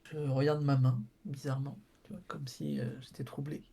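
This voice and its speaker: A man's voice: medium pitch, very animated, normal speed, mellow, husky. A man playing in a tabletop role-playing game, describing his character's actions hesitantly and repeating words. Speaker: player.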